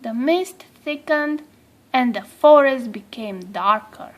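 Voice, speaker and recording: Reading aloud from a children's storybook, a woman uses her high voice with lively intonation, taking each phrase slowly and expressively. Her overall pace is very slow.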